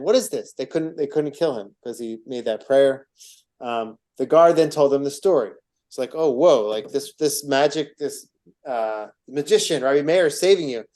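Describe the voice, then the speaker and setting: A man's voice: fairly high pitch, darkish tone. Man retelling a story in class, meandering. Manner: rambling, with many restarts and asides. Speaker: teacher of a class on rabbinic stories.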